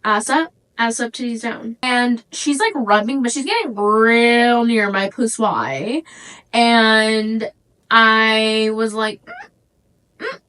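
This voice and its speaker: A woman's voice: on the high side, slow pace, fairly bright tone, low-quality recording. A young woman hosting her own podcast, telling a crude personal story in a candid, casual way. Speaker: podcast host.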